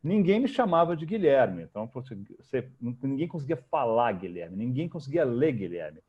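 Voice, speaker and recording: A man with a Brazilian Portuguese accent, a guest telling lively, slangy anecdotes in a casual interview. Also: medium pitch, moderate pace, slightly rough, dull audio. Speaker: guest, futurist.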